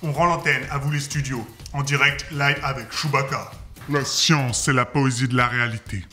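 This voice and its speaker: A presenter voicing a mock live science reporter in a deep voice altered by inhaled heavy gas. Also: steady tone, normal speed, sharp tone, natural voice. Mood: mock solemn. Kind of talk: comic science demonstration.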